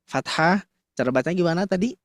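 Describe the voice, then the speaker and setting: A man teaching Quran reading in an online class, demonstrating mouth shapes and chanting syllables in a casual, lively way. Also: a little high, fast talker, no room sound, clean studio sound. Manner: addresses the mothers in class warmly and casually.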